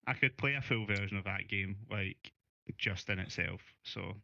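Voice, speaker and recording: A Scottish man co-hosting a casual gaming podcast, relaxed and chuckling with playful asides. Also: low-pitched, moderate pace, creaky, dry recording, highs cut off. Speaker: co-host.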